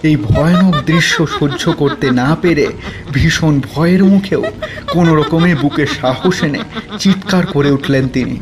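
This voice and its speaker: A man narrating a village horror story in a dramatic, measured way. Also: a little high.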